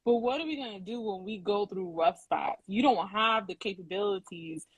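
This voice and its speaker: A woman's voice: medium pitch, normal speed, slightly rough, no echo. A woman in her thirties on a podcast panel, speaking emphatically and with strong opinions. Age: 30s. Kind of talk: casual panel chat.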